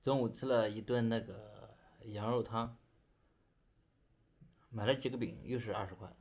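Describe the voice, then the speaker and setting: A man's voice: on the low side, steady tone, unhurried, vocal fry. A young adult man from China chatting casually as he eats, talking with his mouth full and chewing between phrases. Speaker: vlogger. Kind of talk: casual chat while eating. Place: small indoor bedroom.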